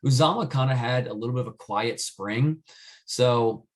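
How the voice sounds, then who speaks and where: A man in casual sports chat on a podcast, circling his point with frequent "I mean"s and false starts. His pitch sits in an ordinary middle range for a man. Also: normal speed. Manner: rambling, many restarts and "I mean". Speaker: podcast co-host.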